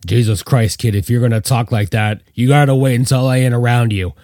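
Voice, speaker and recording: A man voicing a gruff, drunk older male airman who gargles out crude, shouted lines. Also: medium pitch, fairly even intonation, fairly quick, dry recording, clean studio sound, lightly acted. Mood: crude, grumpy.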